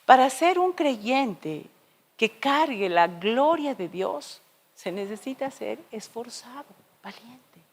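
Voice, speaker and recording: A woman preacher delivering a sermon, telling stories with dramatic shifts between loud and soft. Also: fairly high pitch, slow pace, in a large hall. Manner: expressive storytelling with dramatic shifts in loudness. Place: church.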